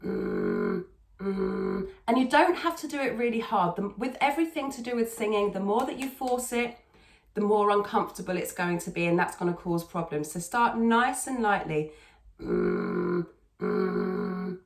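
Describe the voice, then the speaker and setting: A woman's voice: a little high, fairly quick. A woman speaking as a singing teacher in a conversational tutorial, instructional and repeating words for emphasis. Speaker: singing teacher and video host. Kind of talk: conversational vocal technique tutorial. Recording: echoey, roomy sound.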